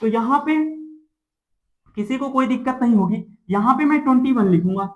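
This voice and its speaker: A man's voice: very high-pitched, fairly bright tone, muffled recording. Patient male teacher repeating every step. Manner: asks and answers his own questions, checks in often; repeats each step slowly. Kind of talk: classroom math lesson. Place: classroom.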